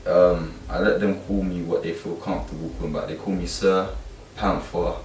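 London guy, real low voice, slangy casual chat, bit far from the mic. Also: little pitch movement, normal speed, a little mellow. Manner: slangy, street-talking, emphatic. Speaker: youth mentor and course teacher. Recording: roomy, distant mic, faint background noise.

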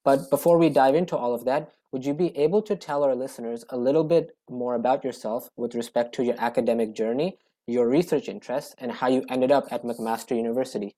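A student podcast host with a mellow, warm tone reads a prepared introduction and then asks the guest scripted questions. The pitch sits in the middle of the range and the delivery is steady. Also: a little fast. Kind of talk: podcast interviewing.

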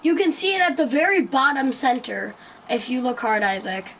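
A woman's voice: sits high, sing-song, normal speed, a bit bright, a little hiss or hum, rough recording. A woman hosting a casual podcast chat, rambling through her story with lots of ums and likes. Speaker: podcast host.

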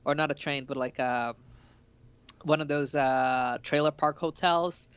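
A man's voice: fairly high pitch, a little slow, smooth, no echo. A man co-hosting a casual podcast chat about games, telling stories with lots of laughter and acted-out quotes. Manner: animated storyteller, acts out quotes, laughs often. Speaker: podcast co-host.

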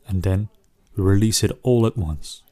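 A man narrating a soothing guided relaxation like a sleep story, speaking gently in short phrases with long pauses. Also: on the low side, dry recording.

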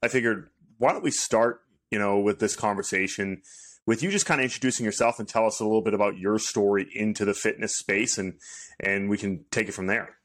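Lower-voiced male podcast host. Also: a little fast, a bit bright. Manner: friendly, loose, many fillers. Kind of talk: casual interview hosting.

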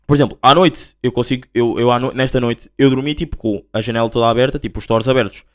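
Young man, European Portuguese accent, quick rambling podcast chat, slangy, medium pitch. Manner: rambling, slangy, animated storytelling. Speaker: podcast host. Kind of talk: casual solo podcast chat.

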